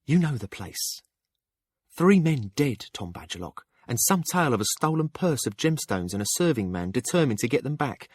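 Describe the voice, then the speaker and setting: A man's voice: mid-range voice, very animated, normal speed, dry recording, studio quality, voice pushed up. A man voicing a blunt, shrewd middle-aged townswoman who reads palms, speaking frankly in an audiobook. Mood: troubled. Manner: frank and sharp-tongued. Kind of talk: audiobook character voice.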